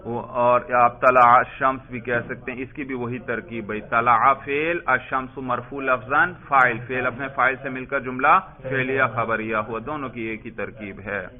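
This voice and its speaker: A man's voice: medium pitch, fairly even intonation, hardly any pauses. A man teaching Arabic grammar in a classroom lesson, quizzing his students and calling them brother. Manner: quizzing, prompting students for answers; addresses listeners as brother. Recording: tinny phone-like lo-fi recording.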